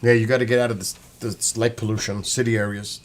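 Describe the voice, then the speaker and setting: A man's voice: on the low side, flat delivery, quick pace. A man with a New York accent chatting casually as a livestream host, rambling as he greets commenters and reads out what they write. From New York state, United States. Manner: rambling, chatty, breaks off to read names and comments. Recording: clear background noise, room ambience.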